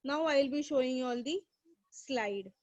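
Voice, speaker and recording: Her voice sits high and a little mellow at a normal speed as she runs an online economics class. She poses questions and praises students by name from the chat, all on a dull, dry lo-fi mic.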